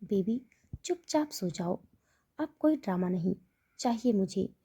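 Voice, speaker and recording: A woman's voice: mid-range voice, animated, a little slow, dark tone, a little hiss or hum. A woman voicing a stern, domineering wealthy mother who speaks in a firm, commanding way.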